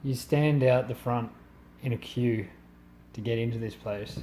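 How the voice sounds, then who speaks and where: A man's voice: medium pitch, a little slow, mellow, a little hiss or hum. A man hosting a casual travel podcast with friends, joking and often laughing as he talks. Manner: jokey, laughs often while talking. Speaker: podcast host.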